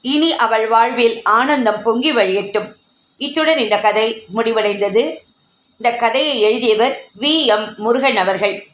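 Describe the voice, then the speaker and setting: A woman narrating a short story in a slow, measured reading. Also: fairly high pitch, a bit bright. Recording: echoey room.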